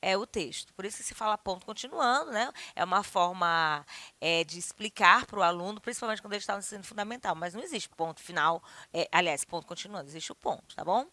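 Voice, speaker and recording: Bright-voiced woman teacher explaining grammar. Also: medium pitch, animated, quick pace, no echo. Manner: explanatory, peppers speech with "né?" and "tá bom?"; acts out example sentences with shifting intonation. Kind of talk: recorded grammar lesson.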